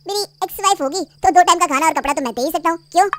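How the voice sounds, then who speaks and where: A woman voicing an arrogant young husband who talks in a loud, bossy, mocking way in a storybook cartoon. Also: very high voice, very fast, very noisy. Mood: angry.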